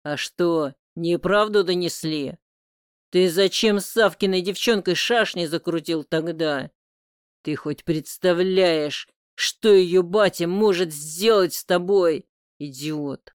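Reader playing a scolding village dad, loud, slow and blunt, close dry sound. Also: mid-range voice, fairly even intonation, dry recording. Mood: angry. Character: stern rural father, older man, quick to anger. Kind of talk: audiobook character voice.

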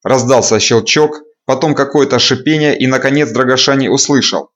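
Man narrating a dark audiobook. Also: mid-range voice, normal speed, lo-fi sound.

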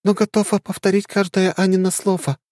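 A man's voice: high voice, flat delivery, fairly quick, darkish tone, dry recording, studio quality, pitched above the performer's own voice, close to an everyday voice. A man putting on a sly, frank young princess. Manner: frank and lightly teasing.

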